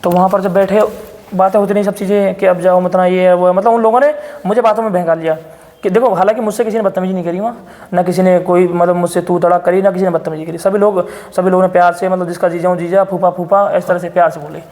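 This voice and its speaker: A man in an interview telling his side of events in a rapid, insistent storytelling way. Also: high voice, steady tone, darkish tone, in a large hall. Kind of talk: defensive interview account.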